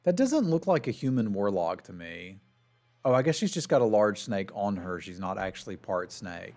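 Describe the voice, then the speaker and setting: A man's voice: fairly low pitch, very animated, normal speed, a little mellow, soft background music. Wry man thinking aloud over gameplay. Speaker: card game player and streamer. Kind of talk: casual gameplay commentary.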